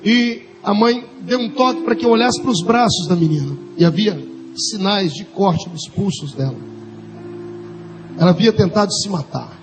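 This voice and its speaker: A Brazilian man preaches in a high, ringing voice, telling a story with drama. He drops to near-hushed lines and then climbs into shouts. Clear music plays behind him the whole time. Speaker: pastor. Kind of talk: sermon.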